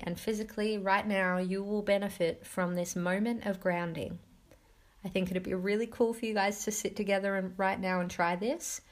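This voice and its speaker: A woman hosting a mindfulness podcast, giving soothing guided meditation instructions in simple, encouraging phrases. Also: mid-range voice. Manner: soothing, unhurried instructions with pauses.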